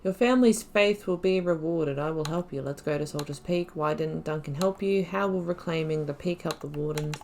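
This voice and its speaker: A gaming YouTuber gives relaxed playthrough commentary, reading dialogue options aloud and thinking to herself. Her voice is low and a little mellow, at a normal pace with few pauses, and there's a faint hiss or hum in the recording.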